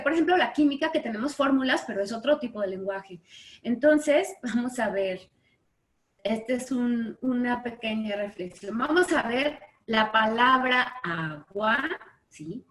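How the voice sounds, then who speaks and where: A woman with a Mexican Spanish accent teaching an online literature class from home, checking in with her students through constant quick questions. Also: fairly high pitch, fairly bright tone. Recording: echoey room.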